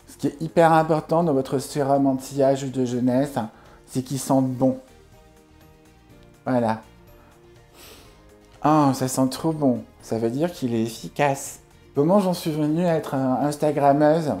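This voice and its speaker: A man's voice: mid-range voice, fairly even intonation, a little slow, long pauses, dark tone, faint music behind, pitched above the performer's own voice, close to an everyday voice. A man voicing a vain, ditzy, money-loving female beauty influencer in a parody vlog, gushy and affected. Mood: smug, airheaded. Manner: affected, airheaded, hesitant.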